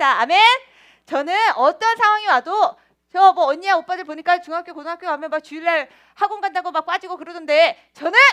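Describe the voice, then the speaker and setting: A woman, talking in a lively, playful way and laughing often. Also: very high voice. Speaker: children's ministry preacher. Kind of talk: children's sermon.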